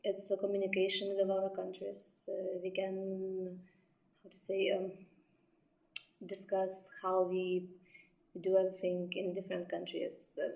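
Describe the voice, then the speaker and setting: A woman's voice: lowish voice, vocal fry, poor audio. A woman from Lithuania, answering interview questions in English, hesitating as she searches for words. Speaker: radiation protection specialist.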